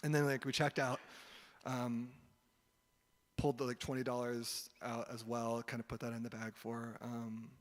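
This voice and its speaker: A man preaching a sermon in a relaxed, conversational way, telling a story with lots of "like" and "um". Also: medium pitch, normal speed. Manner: conversational, heavy use of "like" and "um". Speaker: pastor. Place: church hall. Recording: long hall reverb.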